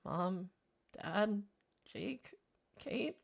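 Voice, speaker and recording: A woman reading a grief-stricken young man's lines in a hushed, halting, pleading voice. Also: mid-range voice, animated, vocal fry, exaggerated voice. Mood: hushed despair.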